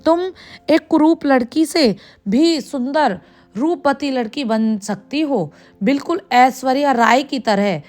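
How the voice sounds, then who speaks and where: A woman's voice: high voice, slow pace, darkish tone, faint music behind. A woman voicing a lazy, fussy male ghost who lives in a tree, grumbling and then kindly and boastful. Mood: soothing.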